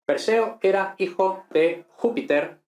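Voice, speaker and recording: A man teaching Latin, explaining a text in a relaxed, chatty way with many fillers and questions tacked on at the end. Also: sits high, takes it slowly. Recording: roomy echo.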